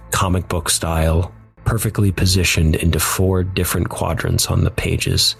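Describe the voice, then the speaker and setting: A man giving measured, somber scripted narration of a dark first-person story. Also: low-pitched, vocal fry.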